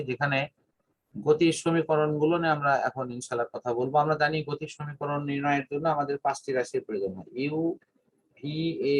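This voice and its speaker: A man teaching physics in an online whiteboard lesson, speaking in a measured, halting way with long pauses and English terms mixed in. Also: on the high side. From Bangladesh.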